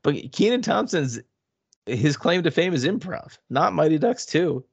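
A man's voice: a little high, big pitch swings, unhurried, gravelly, slightly rough, dry recording. A man co-hosting a podcast, making wry, sarcastic quips in casual sports chat. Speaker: podcast co-host. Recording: dry, dull lo-fi sound.

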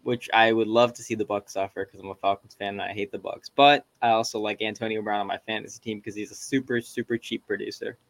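A man's voice: on the low side, level tone, fast, creaky, few pauses, no room sound. A man co-hosting a podcast, talking sports in a casual, conversational way. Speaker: podcast co-host.

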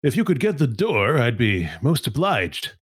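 A man doing a booming, courteous sphere machine over a loudspeaker. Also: very animated, moderate pace, husky. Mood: polite. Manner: courteous, formal phrasing. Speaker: game master.

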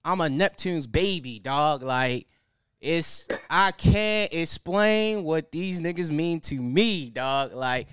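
A young man hosting a podcast in an excited, loose style, swearing freely and leaning on fillers. His voice sits a little high and sounds smooth and crisp. The recording is dry and close. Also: slow pace, no echo. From Baltimore County, Maryland. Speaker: podcast host. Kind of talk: casual podcast chat.

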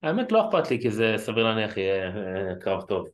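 A man co-hosting a wrestling podcast, speaking in a measured, candid way in casual chat. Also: on the low side, big pitch swings.

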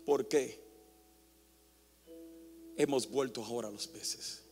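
A male pastor preaching a sermon, swinging from hushed near-whispers to loud, impassioned calls. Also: mid-range voice, slow pace, big-room sound, soft background music.

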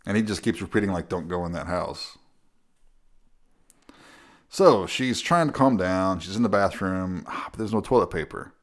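Deep-voiced guy casually recapping a movie on a podcast, laughs a lot, swears a bit. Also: expressive, fairly quick, few pauses. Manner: laughs often, swears casually, retells scenes. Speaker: podcast co-host. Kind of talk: casual film recap chat.

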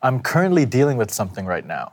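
Male co-host, calm explainer, steady delivery. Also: mid-range voice, drawn-out words. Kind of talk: casual explaining.

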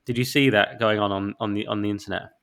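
A man co-hosting a podcast, chatting in a quick, mocking, sarcastic way. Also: lowish voice, fairly even intonation, fairly bright tone. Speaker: podcast co-host. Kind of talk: casual political chat.

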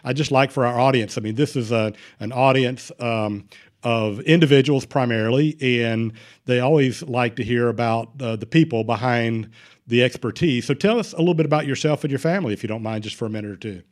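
Man, podcast host, casual, hesitant, lots of fillers, medium pitch. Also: fairly quick. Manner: hesitant, many fillers and restarts. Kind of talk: casual interview hosting.

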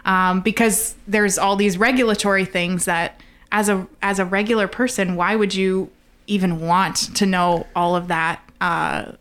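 A woman's voice: mid-range voice, fairly even intonation, unhurried, fairly bright tone, clean tone. A Canadian woman speaking as an expert podcast guest, explaining conversationally and stressing her points.

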